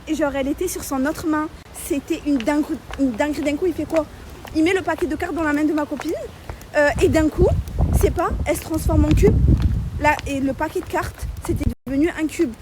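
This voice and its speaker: Animated woman vlogging to her followers. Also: sits high, fairly quick, background noise. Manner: animated storytelling, calls viewers "mes vies". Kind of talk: casual vlog chat to followers.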